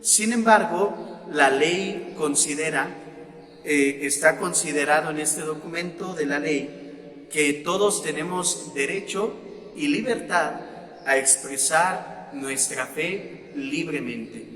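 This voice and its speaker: A man with a Mexican Spanish accent, a parish priest giving a sermon-style talk to his congregation, pausing often on fillers and repeating words. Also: on the high side, fairly bright tone, reverberant, in a large hall. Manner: slow and deliberate, with frequent fillers and repeated words.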